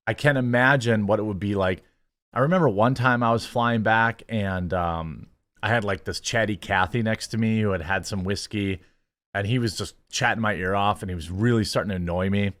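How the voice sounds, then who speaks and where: Low-voiced man giving rambling commentary. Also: fairly bright tone, no echo. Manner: rambling, halting, conversational. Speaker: show host commentator. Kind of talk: casual reaction commentary.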